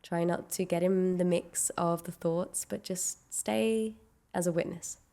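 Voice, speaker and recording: A woman speaking in a somewhat low register guides listeners through meditation. Her intonation is fairly even, and she gives gentle, slow-paced instructions punctuated by long pauses.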